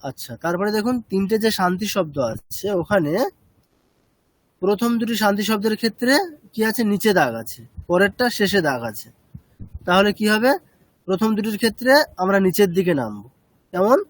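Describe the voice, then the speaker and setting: A man's voice: high-pitched, expressive, a little fast, no room sound. A man teaching a chanting class, explaining step by step and checking with short questions.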